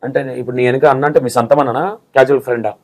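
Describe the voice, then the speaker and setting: A man's voice: mid-range voice, fairly even intonation, rapid-fire. A man, bluntly pressing and scolding his interview guest with pointed questions. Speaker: interview anchor.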